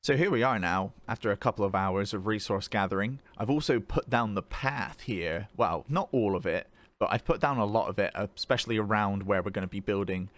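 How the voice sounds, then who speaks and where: A young man giving a relaxed, rambling commentary while playing a building game, with lots of fillers and small laughs. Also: lowish voice, fairly quick, hardly any pauses, no echo. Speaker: gaming video host. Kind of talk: casual gameplay commentary.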